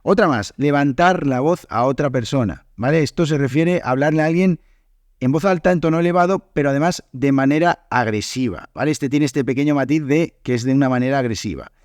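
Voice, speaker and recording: A man from Spain with a hoarse, fading voice, explaining a Spanish lesson on his podcast and often checking in with his listeners. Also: mid-range voice, brisk, darkish tone, no echo, studio quality. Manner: explanatory, many fillers and checks. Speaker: Spanish teacher, podcast host.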